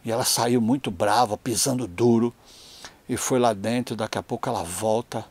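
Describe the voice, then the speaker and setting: A man's voice: medium pitch, normal speed, darkish tone. A man casually telling a funny personal story in a chatty, amused way. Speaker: storyteller, channel host.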